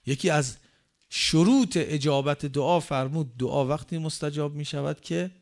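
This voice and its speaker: A man delivers a sermon in a voice pitched a little higher than most. He questions his listeners rhetorically and recites scripture slowly and deliberately. His emphasis rises and falls sharply, loud on key words and dropping to near quiet at the ends of points. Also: gravelly. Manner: emphatic swings in pitch and loudness. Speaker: preacher.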